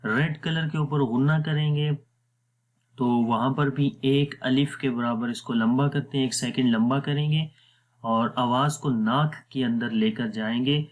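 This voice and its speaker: A man with a Pakistani Urdu accent gives a recitation lesson at a very slow, deliberate pace, his voice sitting in an ordinary middle pitch. He explains patiently and repeats each word in a drawn-out way so learners can follow. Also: steady tone. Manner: patient, repeats words slowly to demonstrate. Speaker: Quran recitation teacher.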